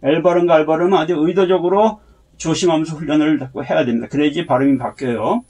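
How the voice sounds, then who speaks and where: A middle-aged man teaching English pronunciation. He says phrases slowly, repeats them, and contrasts the right way with the wrong way. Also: a little high, steady tone, darkish tone. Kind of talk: slow, repeated pronunciation drills.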